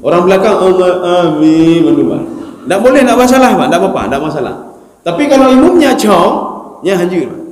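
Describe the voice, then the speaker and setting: A male preacher giving a study sermon in a mosque, animated and joking, acting out mumbled recitation. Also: high voice, fast talker, a little hiss or hum. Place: mosque hall. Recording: echoey mosque hall.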